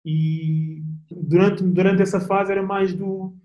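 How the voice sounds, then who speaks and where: A young man with a European Portuguese accent, chatting as an interview guest in a relaxed, slangy way with plenty of restarts. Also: sits high, takes it slowly, reverberant, muffled recording. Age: young adult. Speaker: guest athlete. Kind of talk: casual interview chat.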